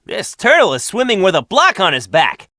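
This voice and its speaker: A man's voice: sits high, huge pitch swings, normal speed, noisy background, exaggerated voice. A man voicing a cocky, daring young hedgehog hero in a video game, with a breezy, confident manner. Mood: breezy, curious.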